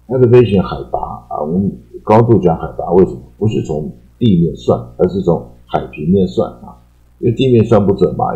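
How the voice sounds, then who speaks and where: This is a casual English vocabulary lesson from a man whose accent is Taiwanese Mandarin, and he fills his sentences with lengthy fillers and repeated phrases while explaining words. His warm voice is low-pitched, and the recording's highs are cut off.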